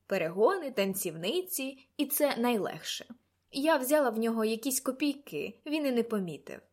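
A woman reading an audiobook, voicing a spirited society lady who speaks briskly and tartly. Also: on the high side, big pitch swings, a little mellow. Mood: tart lively.

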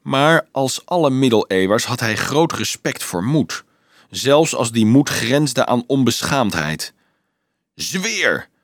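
A man's voice: mid-range voice, animated, a little slow, no room sound. Man narrating a storybook, dry sound. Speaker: audiobook narrator.

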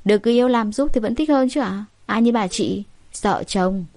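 A woman's voice: a little high, a little fast, darkish tone, lightly acted. Woman narrator doing a cheeky young woman, teasing and playful, storybook.

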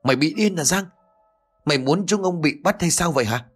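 A man's voice: medium pitch, lively intonation, fast, soft background music, natural voice. A man voicing a hot-tempered young man who snaps harshly at his friend in a horror audiobook. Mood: angry. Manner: harsh, snapping.

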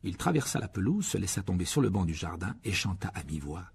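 Gravelly male audiobook narrator. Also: low-pitched, fast talker. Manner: expressive storytelling.

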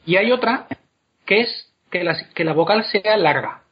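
A man explaining pronunciation in a casual, animated way, drawing words out slowly to demonstrate them. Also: high voice, slightly rough. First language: Spanish. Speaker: guest explaining Elvish pronunciation. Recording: dull lo-fi podcast recording.

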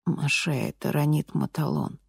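An audiobook reader voicing a timid young woman who speaks quietly and uncertainly, then shouts back shrilly. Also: medium pitch, unhurried, creaky, husky, no echo, clean studio sound, heavily acted. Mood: timid, hushed. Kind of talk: audiobook character voice.

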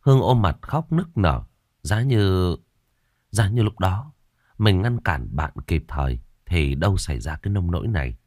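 A man with a low voice narrates a ghost story in a dramatic, expressive way. His pitch rises and falls a lot, and the recording is dry and close, with faint music underneath. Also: measured pace, dry recording.

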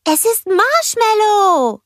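A woman's voice: sits high, big pitch swings, a little slow, no room sound, clean studio sound, voice pushed up. Woman doing a squealing happy snowman. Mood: gleeful. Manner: gushing, squealing with delight. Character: cheerful, excitable little snowman, male.

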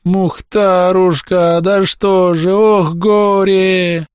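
Man doing a shrill wailing old village woman. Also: little pitch movement, very slow, clear, resonant tone, no echo, clean studio sound. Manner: whiny, lamenting, shrill.

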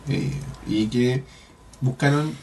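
A man's voice: mid-range voice, slow, a little mellow, slight background noise. A man with a Chilean accent hosting a podcast, recapping an episode in a rambling, slangy casual chat. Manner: slangy, rambling, full of colloquial swearing. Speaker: podcast host.

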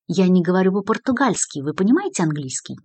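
A woman's voice: lowish voice, very animated, fast talker, a little mellow, slightly rough, dry recording, exaggerated voice. A woman reading the lines of an indignant male journalist who complains querulously. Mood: puzzled.

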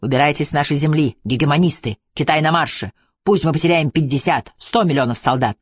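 A man's voice: fairly high pitch, a little fast, breathy edge, no room sound, studio quality. A man voicing a furious, taunting Chinese man in an audiobook, spitting out threats. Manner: spiteful, shouting threats.

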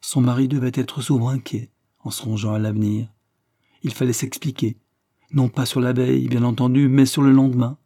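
A man reading a literary short story aloud as an audiobook narrator, in a measured, even storytelling manner on a close mic. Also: medium pitch, dry recording.

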